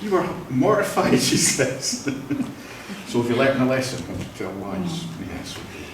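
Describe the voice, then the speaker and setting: A man's voice: mid-range voice, big pitch swings, unhurried, slight background noise. A Scottish man leading a vow renewal ceremony, telling family stories in a jovial way and laughing often. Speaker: wedding celebrant. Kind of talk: ceremony speech with anecdotes. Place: church hall. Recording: echoey room, mic at a distance.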